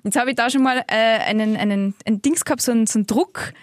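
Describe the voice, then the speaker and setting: A woman co-hosting a podcast who tells her story in a lively, chatty way and swears casually. Her voice sits a little high. The sound is dry and close. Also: quick pace, dry recording. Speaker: podcast co-host. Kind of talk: casual chat.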